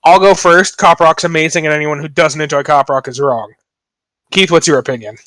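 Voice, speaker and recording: A man's voice: a little high, fairly quick, fairly bright tone, dry recording. Rambling young man hosting a podcast. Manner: joking, rambling, self-deprecating. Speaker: podcast host. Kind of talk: casual podcast banter.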